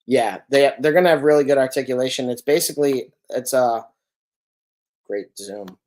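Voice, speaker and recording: A man's voice: medium pitch, moderate pace, a little mellow. Rambling man in casual podcast chat. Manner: rambling, full of ums and likes, self-correcting. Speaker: podcast co-host reviewing collectible figures.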